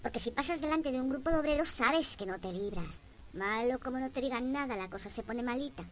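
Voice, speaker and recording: Spanish woman doing a comedy monologue, wry and sarcastic, pitch jumps all over. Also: animated, fairly quick. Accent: Spain Spanish. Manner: wry, sarcastic storytelling with acted-out quotes. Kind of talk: comic monologue.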